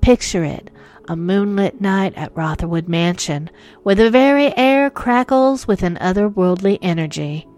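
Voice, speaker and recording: A woman's voice: medium pitch, lively intonation, a little slow, a little mellow, faint music behind. A woman hosting a ghost-story show, narrating scripted spooky tales in a playful, theatrical horror-host manner.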